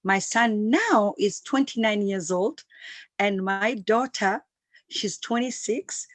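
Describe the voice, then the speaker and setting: A woman's voice: mid-range voice, slow, no room sound. A woman in her fifties who grew up in East Africa, a guest entrepreneur talking with passion and repeating her points for emphasis. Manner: emphatic and repetitive, speaks with passion. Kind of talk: interview, enthusiastic storytelling.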